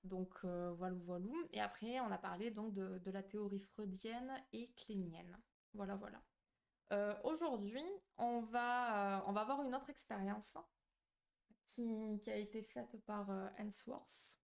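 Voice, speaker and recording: A woman's voice: medium pitch, measured pace, gravelly. Brief: woman streamer, casual, greets chat, hesitant "euh" delivery, on a home mic. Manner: chatty, warm toward viewers, many fillers and restarts. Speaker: psychology streamer hosting a live. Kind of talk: casual live-stream talk, reading chat.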